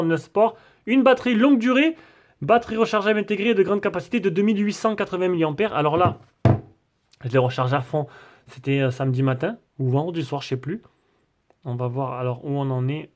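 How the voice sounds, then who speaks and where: A man doing a casual, rambling tech review, full of fillers and restarts. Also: fairly high pitch.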